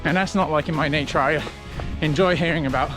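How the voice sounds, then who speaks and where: A man talking casually to camera as a running vlogger, in a reflective, conversational way with halting short phrases. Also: on the high side, over music. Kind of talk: casual vlog talk to camera.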